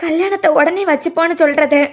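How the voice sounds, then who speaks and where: A woman's voice: very high-pitched, brisk. A woman voicing an earnest middle-aged mother in a cartoon, speaking with a Kanyakumari Tamil accent in a lamenting way. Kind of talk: cartoon voice acting.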